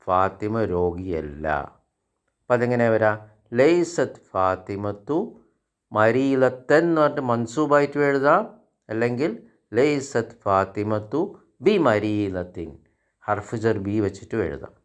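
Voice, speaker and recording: Low-ish guy teaching arabic grammar, from india, drags out the examples, keeps asking questions. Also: lively intonation, clean tone. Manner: slow, drawn-out example sentences with questions to learners. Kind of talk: grammar lesson.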